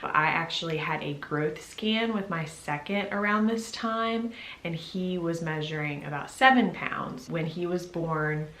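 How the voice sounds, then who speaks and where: A woman's voice: lowish voice, measured pace, fairly bright tone. Chatty pregnant woman in an echoey room. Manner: chatty and upbeat, speaks straight to viewers. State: pregnant, a little out of breath. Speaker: pregnancy vlogger. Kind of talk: casual vlog update to camera.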